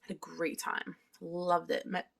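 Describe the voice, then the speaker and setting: A woman's voice: on the low side, normal speed, creaky, fairly bright tone. A thirty-year-old woman vlogging in a chatty, candid way, swearing freely and eating while she talks at home. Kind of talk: casual confessional vlog.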